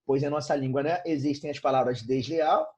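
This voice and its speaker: A man's voice: medium pitch, a little fast, darkish tone, breathy edge, muffled recording. A Brazilian man teaching an informal online grammar lesson, repeating points and checking in with frequent tag questions. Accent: Brazilian Portuguese.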